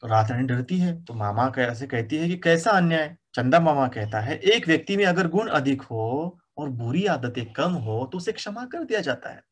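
A man's voice: medium pitch, animated, moderate pace, hardly any pauses. A middle-aged man reading a children's story aloud as a teacher, stopping to explain words and grammar.

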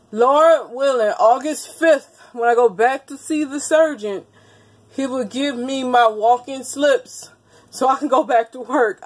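Chatty woman in her thirties, phone vlog. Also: high voice. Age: 30s. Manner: chatty, laughs often, talks straight to viewers. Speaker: vlogger. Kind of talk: casual chat to camera. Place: small indoor room with wood panelling. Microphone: phone camera held close.

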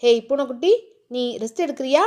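A woman voicing a gruff but caring young husband in a storybook reading, speaking in clipped, lowered commands. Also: a little fast, darkish tone, natural voice. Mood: tender.

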